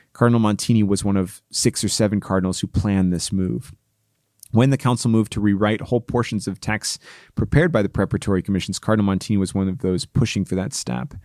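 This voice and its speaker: A man's voice: on the low side, a little mellow, no room sound, clean studio sound. A man hosting a history series, telling it in a prepared but conversational, explanatory storytelling way. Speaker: host of a church history series.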